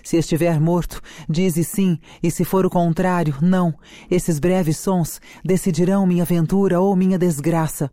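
Reader doing a passionate young noblewoman, slow declamatory delivery, mellow tone, dry sound, read from a play. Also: medium pitch, fairly even intonation, no echo, close to an everyday voice. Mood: anguished. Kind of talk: dramatic reading of a play.

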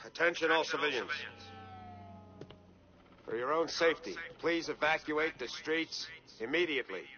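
A man playing a police officer who gives loud, formal emergency orders over an outdoor loudspeaker. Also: fairly high pitch, normal speed. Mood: urgent. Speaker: police officer making public announcement. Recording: lo-fi loudspeaker outdoors, vehicle noise.

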